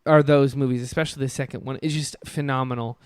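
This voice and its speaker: A man's voice: mid-range voice, steady tone, quick pace, clean tone, no room sound, studio quality. A young man co-hosting a podcast, chatting casually and rambling with enthusiasm through lots of fillers. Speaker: podcast co-host. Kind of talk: casual chat.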